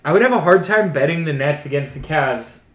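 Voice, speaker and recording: A man's voice: a little high, expressive, a little fast. Casual male co-host, opinionated, echoey room sound. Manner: opinionated, talks about betting spreads. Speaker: podcast co-host. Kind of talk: casual sports betting chat.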